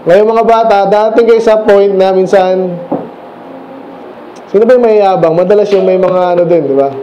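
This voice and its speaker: A high-pitched male pastor with a mellow, darkish tone preaches to his congregation, reading verses slowly and then explaining them in quick, casual back-and-forth questions. The recording is dull and lo-fi, with faint hiss and birds outside. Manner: reads scripture slowly, then talks fast and casually. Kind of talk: sermon.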